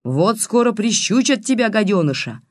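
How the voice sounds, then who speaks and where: A woman's voice: low voice, sing-song, normal speed, no echo, clean studio sound. A reader voicing a furious one-eyed old village woman who scolds and curses shrilly. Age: older.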